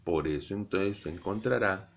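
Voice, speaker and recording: A middle-aged Colombian man teaching a physics lesson, explaining slowly and deliberately to his students. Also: deep voice, creaky. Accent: Colombian Spanish. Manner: slow, deliberate explaining, addresses students directly. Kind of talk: recorded classroom lesson.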